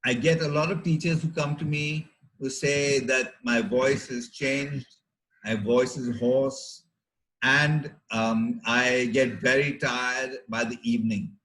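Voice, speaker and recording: Poor audio captures a middle-aged man with an Indian accent, a doctor addressing teachers on health. He talks at medium pitch with fairly even intonation and a somewhat bright tone, measured and explanatory, leaving pauses between phrases.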